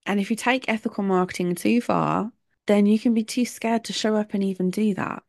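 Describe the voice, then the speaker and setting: Speaking a little fast in a creaky, mid-range voice with fairly even intonation, a woman hosts her solo podcast while dealing with a sore throat. She's chatty and opinionated, laughing between points. The sound is studio quality with no echo.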